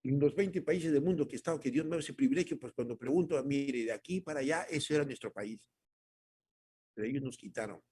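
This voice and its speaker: A husky-voiced male pastor delivers a devotional sermon at a medium pitch. He preaches emphatically, repeats his points and calls his listeners brothers. His volume swings between forceful exhortation and soft, low asides.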